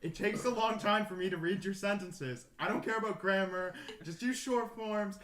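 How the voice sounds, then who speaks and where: A man's voice: high-pitched, moderate pace. Joking young man ranting in an echoey room. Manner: joking rants, laughs a lot. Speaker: podcast co-host. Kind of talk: casual chat. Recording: roomy echo, lively chatter behind.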